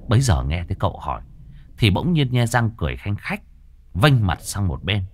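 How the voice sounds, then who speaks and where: A man's voice: on the low side, big pitch swings, fairly quick, slight background noise. A man telling a ghost story in a dramatic, suspenseful way.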